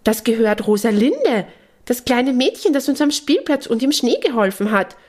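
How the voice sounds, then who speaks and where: Brief: shrieking excited little animal, voiced by a woman narrator, high and bright. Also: moderate pace. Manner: shrill and excited. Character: excited small animal friend Hanni.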